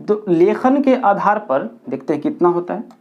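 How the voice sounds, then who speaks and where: Very animated and high-voiced, a man speaking at normal speed walks his pupils through grammar at the board. He counts out each step aloud and goes back over the main points, all captured on a dull, lo-fi recording.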